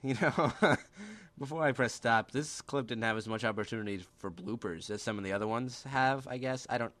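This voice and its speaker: A male voice actor joking through his own outtakes, animated and laughing at himself. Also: mid-range voice, fairly quick, no room sound.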